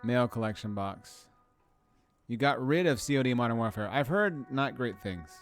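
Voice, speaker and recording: A man's voice: mid-range voice, lively intonation, normal speed, soft background music. Playful man streaming a video game. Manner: swears and laughs often, playful asides to chat. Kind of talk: casual let's-play commentary, reading game text aloud.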